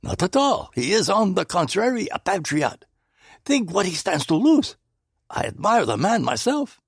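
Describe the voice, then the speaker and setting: A man reading in a lifted, animated voice for a shrewd older Belgian detective from a storybook, calm and faintly amused. The tone is gravelly and husky, with wide swings of pitch through each precise phrase. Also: moderate pace, no room sound, clean studio sound, heavily acted. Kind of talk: audiobook character voice.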